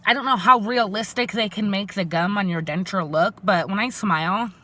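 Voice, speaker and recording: A woman's voice: medium pitch, moderate pace, a bit bright. A young woman vlogging in casual chat, stuffy from a head cold, with lots of ums and likes. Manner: chatty, many ums and likes.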